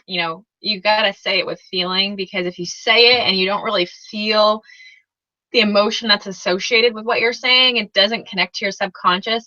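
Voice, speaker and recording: A woman's voice: mid-range voice, pushed and bright, no room sound, highs cut off. A woman co-hosting a personal development hangout, chatty and upbeat, laughing often. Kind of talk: casual chat.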